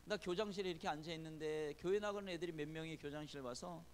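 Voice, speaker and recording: A man's voice: a little high, fast, slight background noise, natural voice. A man voicing an elderly retired male school principal who talks in a chatty, boastful and informal way. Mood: grateful.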